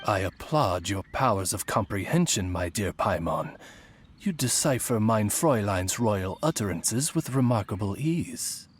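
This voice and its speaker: A man's voice: on the low side, animated, measured pace, slight background noise. A man voicing a refined, courteous male raven familiar in a video game, speaking as a formal, deferential servant. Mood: politely admiring. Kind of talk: video game character acting. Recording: loud music under the voice.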